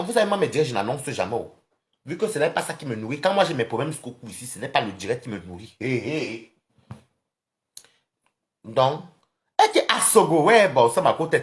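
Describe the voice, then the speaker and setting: A speaker from Cameroon with a Cameroonian accent, ranting casually and confrontationally to viewers on a social media live stream. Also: mid-range voice. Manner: animated, rambling, confrontational, addresses viewers directly.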